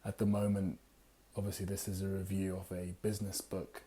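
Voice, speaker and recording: Reviewing a book, a UK book club host speaks in a low, mellow voice with a completely flat delivery. There's a weary, faintly raspy quality to him as he meanders through fillers, now and then pausing to read excerpts aloud.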